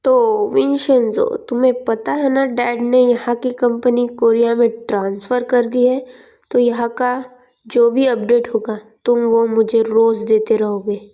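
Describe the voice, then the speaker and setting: A woman's voice: fairly high pitch, flat delivery, unhurried, lo-fi sound, close to an everyday voice. A woman voicing a stern young male boss who gives curt orders. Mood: commanding. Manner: commanding, curt.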